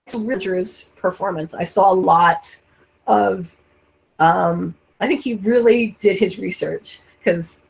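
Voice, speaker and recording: A woman hosting a podcast who reviews a TV show in casual, halting chat full of restarts. She talks into a headset mic on an online call, and her audio is glitchy and keeps cutting out. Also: on the low side, vocal fry, breathy edge, poor audio. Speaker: podcast host. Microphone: headphone mic over an online call.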